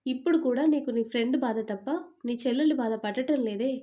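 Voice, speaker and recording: A woman's voice: sits high, a little fast, dull audio, close to an everyday voice. A woman voicing a sulky, talkative young newlywed wife in an audio story, complaining in a pouting tone.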